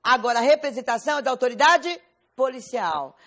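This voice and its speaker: A woman with a Brazilian Portuguese accent teaches a law class in a classroom. Her voice sits slightly high, and she keeps quizzing her students with rhetorical questions, stressing the words they must remember. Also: animated, brisk, fairly bright tone. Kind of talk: classroom lecture.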